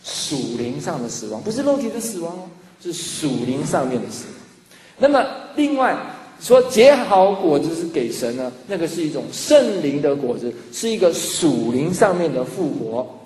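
A man's voice: a little high, normal speed. A man preaching a sermon as pastor, telling stories animatedly and acting out dialogue. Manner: animated storytelling, acts out dialogue. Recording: echoey hall with faint ambience.

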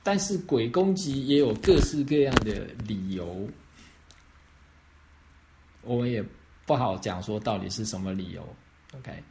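A man's voice: on the low side, animated, unhurried, long pauses, a little mellow, a little hiss or hum. A man pastor answering questions on faith, explaining step by step and often checking that he is understood.

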